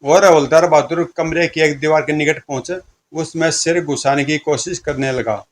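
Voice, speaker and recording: A man narrating a comic audio story in a lively storytelling manner. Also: fairly high pitch, moderate pace, a little hiss or hum.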